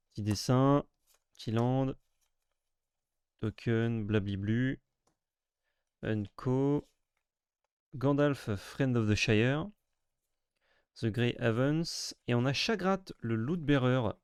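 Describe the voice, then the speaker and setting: A man streams himself opening card packs, giving casual, sarcastic, self-mocking commentary with crude jokes and the occasional sudden excited yelp. His voice is mid-range and smooth, recorded cleanly in a studio with no room sound.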